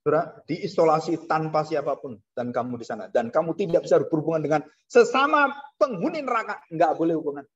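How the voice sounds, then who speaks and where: A man preaching a sermon as a pastor, animated, his voice rising high when he acts out frightened people and dropping low for solemn points. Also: brisk, hardly any pauses. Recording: dull lo-fi sound.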